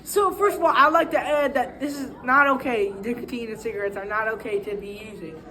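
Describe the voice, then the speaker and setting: A young woman improvising a mock interview, deadpan and stammering. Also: fairly high pitch, brisk. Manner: deadpan, stammering, breaks into laughter. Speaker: interviewee in a comedy skit.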